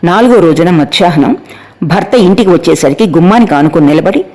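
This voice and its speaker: High-voiced man narrating an audiobook. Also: animated, brisk, dark tone.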